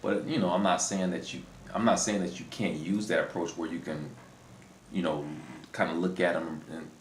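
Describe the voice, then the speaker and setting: A man's voice: low-pitched, steady tone, moderate pace. A man hosting a language-learning video, giving casual unscripted advice in a rambling way, often repeating and rephrasing himself. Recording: roomy echo, faint background noise.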